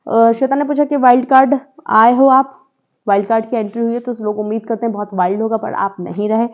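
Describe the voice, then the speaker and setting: A woman talks through a reality-show episode in a casual, opinionated way, judging each moment as she goes. Her voice sits a little high. The recording sounds dull and lo-fi. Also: steady tone, quick pace. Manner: chatty, opinionated, mixes English words in. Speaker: show reviewer. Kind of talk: casual spoken review.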